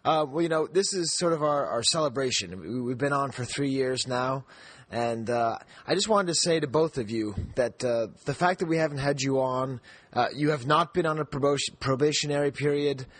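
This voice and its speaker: A man's voice: mid-range voice, normal speed, a bit bright, no room sound. A man hosting a podcast, talking in a friendly, jokey way with lots of restarts. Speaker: podcast host. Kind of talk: casual podcast chat.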